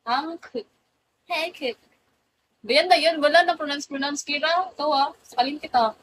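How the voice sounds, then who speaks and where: A woman's voice: high-pitched, quick pace, fairly bright tone, slight background noise, rough recording. Giggly young woman live-streaming. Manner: giggly, mixes English and Filipino. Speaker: livestream host. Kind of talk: casual live-stream chat.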